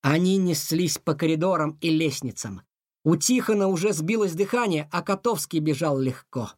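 Expressive male storybook narrator. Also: a little high, moderate pace, dry recording, studio quality.

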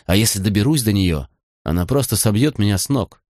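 Guy reading an audiobook, hushed and low, lots of movement in his voice. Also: animated, brisk, no echo, studio quality. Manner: low, hushed, subdued narration. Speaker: audiobook reader. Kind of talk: scripted narration.

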